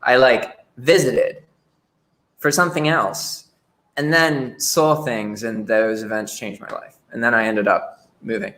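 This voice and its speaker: A young man speaks frankly as a guest in a casual podcast interview, often repeating words as he starts a sentence. His medium-pitched voice is steady, measured, and a bit bright.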